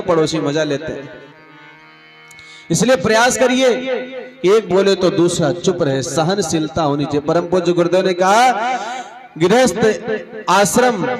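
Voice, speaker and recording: High-voiced earnest male preacher. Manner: earnest, addresses crowd as brothers and sisters. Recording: music playing under the voice.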